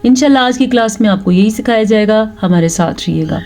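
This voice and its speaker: A woman teaching Quran recitation rules, reciting verses slowly and drawn out, then explaining each rule. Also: mid-range voice, a little mellow. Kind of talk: slow recitation lesson with explanations.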